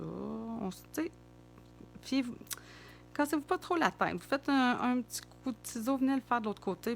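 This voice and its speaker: Québécois lady doing a card making demo, chatty, kinda high voice, bit of music in the back. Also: creaky. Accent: Québécois French. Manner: chatty, thinking aloud while working. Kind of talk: casual craft demonstration.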